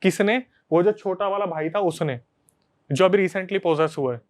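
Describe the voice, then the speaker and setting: A man hosting a podcast, telling a story to his friends in a casual, animated way. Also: sits high, normal speed. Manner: animated, conversational retelling to friends.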